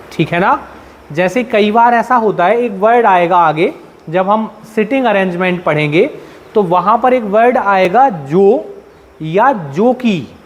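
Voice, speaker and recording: In a high-pitched voice, a male teacher from central India gives a classroom lecture. Step by step, he uses everyday examples and asks his students questions constantly.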